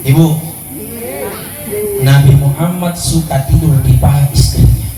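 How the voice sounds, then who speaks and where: A man preaching a sermon to a congregation, emphatic, often repeating his address to the listeners and building to shouted points. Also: a little high, fairly even intonation, a little slow. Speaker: Islamic preacher. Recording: very echoey hall, distant mic, music behind.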